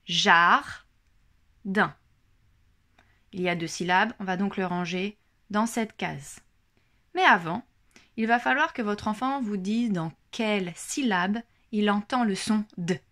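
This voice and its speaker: Slow, careful French teacher woman. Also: medium pitch, a bit bright. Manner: articulates words syllable by syllable. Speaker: teacher explaining to parents. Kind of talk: slow, careful instructional explanation.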